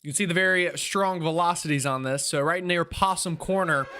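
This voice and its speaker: A man hosting a live weather stream, giving informal, urgent and excitable storm commentary while thinking aloud. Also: on the high side, brisk, faint music behind.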